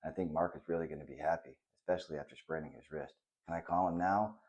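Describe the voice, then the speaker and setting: Hesitant little boy, sad but honest, man reading him in a low mellow voice, storybook. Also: fast talker, lo-fi sound. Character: sad, honest ten-year-old boy.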